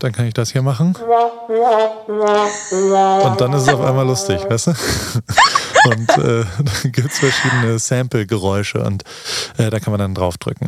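A man's voice: medium pitch, no room sound. Playful man in his forties, dry studio sound. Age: 40s. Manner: playful, rambling, joking. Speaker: podcast co-host. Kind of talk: casual podcast chat. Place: podcast studio in a restaurant. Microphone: studio podcast mic.

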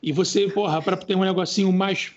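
A man's voice: high-pitched, steady tone, brisk. A man chatting casually with friends, joking and swearing freely. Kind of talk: casual chat among friends. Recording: dull lo-fi sound.

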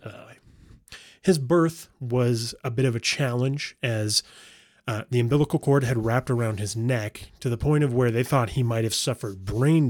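Male podcast host, mid pitch, dry close mic, joking and profane. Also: darkish tone, dry recording. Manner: joking and profane, laughing often. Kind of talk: casual true-crime podcast chat.

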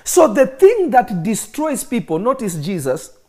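A man's voice: very high voice, very animated, unhurried, warm tone. A man, preaching to people watching online and driving points home by repeating phrases. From Kenya. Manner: emphatic, repeats phrases for effect. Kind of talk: live-streamed sermon teaching.

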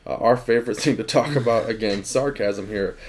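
Relaxed young man, lowish voice. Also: fairly quick, a little hiss or hum. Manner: relaxed, rambling, laughs often. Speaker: podcast co-host. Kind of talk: casual sports chat.

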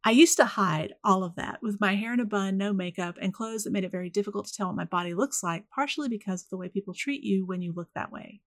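A woman from the rural American South with a soft voice and a Southern accent, hosting a solo podcast in a direct, dryly wry monologue. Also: medium pitch, quick pace, few pauses, no echo, studio quality. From rural northern Florida, US. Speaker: podcast host.

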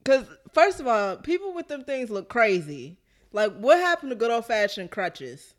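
A woman co-hosting an easygoing chat show. Her pitch swings widely as she talks, and she tells stories in an animated way. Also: normal speed. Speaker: podcast co-host. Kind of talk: casual chat.

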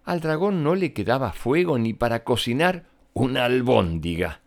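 A man reading a storybook aloud to children in an animated, expressive way and speaking to them directly. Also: medium pitch, normal speed, gravelly.

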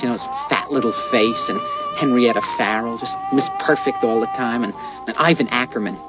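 A man's voice: medium pitch, lightly acted, poor audio. A man playing a neurotic, wisecracking middle-aged comedian who rambles and stammers. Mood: wry. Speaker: comedian narrating his life. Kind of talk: film voice-over and dialogue.

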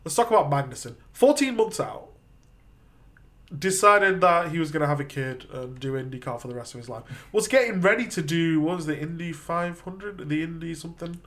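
A man's voice: a little high, lively intonation, a little fast, fairly bright tone. A man co-hosting a casual podcast, chatting and steering the conversation. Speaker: podcast co-host. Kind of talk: casual chat.

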